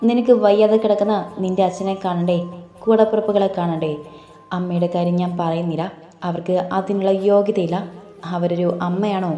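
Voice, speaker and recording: A woman voicing a gentle, persuasive husband who calms his frightened wife. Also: high voice, brisk, natural voice. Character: calm, reassuring husband. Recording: echoey room, soft music behind.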